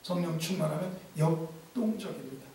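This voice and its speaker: A male pastor from Chungcheong preaching a lively, humorous sermon to his congregation. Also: on the high side, moderate pace, vocal fry. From Chungcheong, Korea. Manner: animated preaching with humor and mimicked dialect. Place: church sanctuary. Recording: echoey church hall from a distance.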